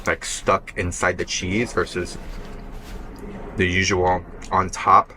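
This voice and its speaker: A man's voice: low-pitched, level tone, slow pace, noisy background. A young man vlogging casually while eating, chatting between bites and sometimes talking with his mouth full. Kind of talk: casual vlog talk to camera while eating. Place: burger restaurant.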